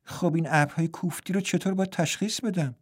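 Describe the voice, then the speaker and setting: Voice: medium pitch, husky, natural voice. Reader doing a nervous polite woman traveler, hesitant, storybook.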